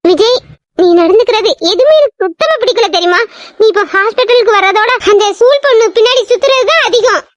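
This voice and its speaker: A woman's voice: very high voice, fairly quick, dry recording, muffled recording. A woman voicing a worried, tearful young woman doctor who pleads anxiously. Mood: reproachful. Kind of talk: audio drama acting.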